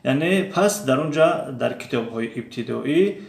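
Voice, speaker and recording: Male teacher, gravelly voice, patient drilling of words, roomy echo. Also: mid-range voice, expressive. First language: Tajik. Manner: slow, repeats drill words aloud. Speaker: language teacher. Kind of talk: explaining a lesson.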